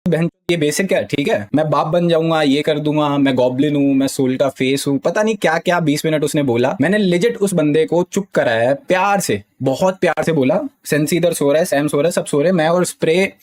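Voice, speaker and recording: A man's voice: fairly high pitch, a little fast, few pauses, a little mellow. A young man streaming, explaining himself defensively in an agitated way, his voice climbing when he gets heated. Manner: agitated, repeats "theek hai" often, voice rises when heated.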